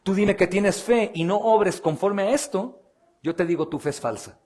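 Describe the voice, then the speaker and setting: A male pastor with a Mexican Spanish accent delivers a fervent sermon in a fairly high-pitched voice. He swings between loud emphatic bursts and quiet, intense asides, often addressing his listeners as brothers. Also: normal speed.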